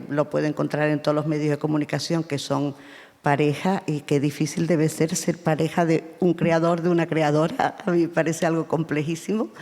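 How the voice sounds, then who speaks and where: Event host posing questions, halting repeats; middle pitch, long room echo. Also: darkish tone. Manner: stammering repetitions while forming questions. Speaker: interviewer. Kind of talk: live interview questions.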